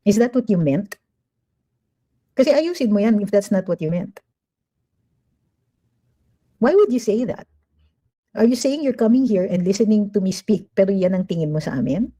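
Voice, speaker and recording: A woman's voice: mid-range voice, animated, brisk, dark tone. A woman giving chatty, emphatic livestream commentary as she reads out viewer comments, mixing Tagalog and English.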